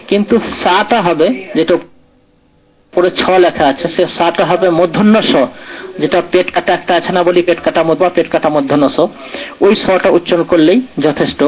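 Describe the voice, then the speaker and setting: A man with a slightly raised voice teaches a pronunciation lesson. He breaks letters into slow, careful syllables and keeps checking that the class is following, asking "right?" again and again. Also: high voice, rough recording. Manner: explains patiently, checks understanding with repeated "right?"; sounds out letters slowly, syllable by syllable. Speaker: Quran recitation teacher.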